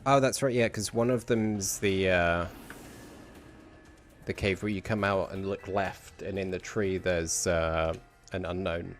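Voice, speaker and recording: A man's voice: deep voice, fairly even intonation, measured pace, slight background noise. A man streaming a video game, thinking aloud in casual commentary as he plays. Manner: thinking aloud, muttering to himself.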